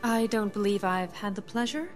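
A woman's voice: mid-range voice, normal speed, soft background music, close to an everyday voice. A woman playing a poised, courteous young rebel princess in a science fiction audio drama.

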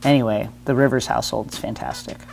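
A man hosting a comedic basketball show, sarcastic and jokey, swinging between deadpan asides and excited outbursts. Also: mid-range voice, fast talker, vocal fry, faint music behind. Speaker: host. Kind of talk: comedic sports commentary.

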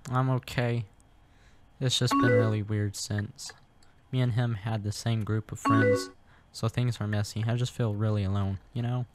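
A man's voice: fairly low pitch, level tone, normal speed, over loud music, lightly acted. A man reading as a heartbroken young woman. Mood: sad. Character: sad young woman texting after breakup. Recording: loud keyboard typing behind.

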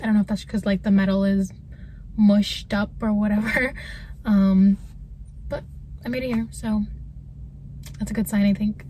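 A woman's voice: mid-range voice, flat delivery, moderate pace, long pauses, warm tone, a little hiss or hum. A young woman in her twenties talking candidly to her phone camera in a casual vlog, first from inside her car and later from a room. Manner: chatty, candid, slightly nervous. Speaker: vlogger. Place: inside a parked car, then an indoor room. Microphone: phone camera at arm's length.

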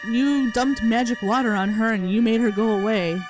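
A woman's voice: fairly high pitch, fairly even intonation, normal speed. A woman giving playful let's-play commentary, reacting with mock drama. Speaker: gaming YouTuber. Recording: game music underneath.

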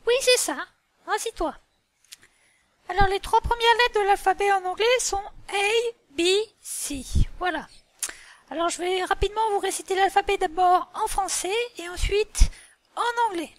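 A woman voicing a patient, slightly muddled female animal schoolteacher in a toy play, slow and didactic with many fillers. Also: very high voice, no room sound. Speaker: teacher. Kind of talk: toy role-play lesson.

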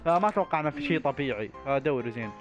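A young man hosting a game video with friends. He is excitable and bursts into shouts and laughter as he gives the others orders. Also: medium pitch, very fast, over music. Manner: excitable, shouts and laughs while bossing his friends around. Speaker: gaming YouTuber host. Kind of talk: Minecraft let's-play commentary with friends.

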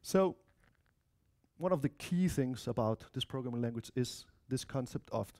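A man in his thirties with a Danish accent presents an informal technical talk. His voice is dark and relaxed, at an ordinary male pitch. He speaks chattily, often turning to the audience with asides. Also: moderate pace. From Denmark or Spain, of mixed Spanish-Danish family. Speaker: conference speaker, software developer. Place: lecture room, indoors.

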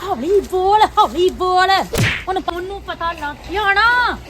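A woman playing an overworked old mother-in-law who sighs, complains and keeps hushing others. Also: extremely high pitch, unhurried, over a noisy crowd. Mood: grumbling. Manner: sighing, complaining, hushes others.

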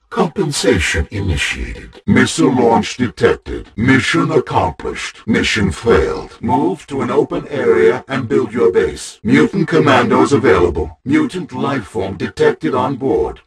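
A man voicing a cold, commanding male AI of a war faction in a video game, giving clipped status announcements with loud crowd noise behind. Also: mid-range voice. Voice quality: flat, mechanical, menacing.

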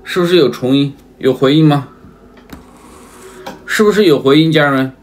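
A man's voice: on the high side, moderate pace. A man on a livestream who keeps calling his viewers family, repeats himself and asks again and again whether they agree. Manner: repetitive, emphatic. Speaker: livestream seller.

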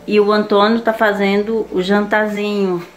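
Uma mulher brasileira, amiga da vlogueira, narrando de forma casual e falante para a câmera. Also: female voice, mid-range voice, little pitch movement, moderate pace, a little hiss or hum, poor audio. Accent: Brazilian. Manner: chatty, explaining to the camera. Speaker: friend of the vlogger.

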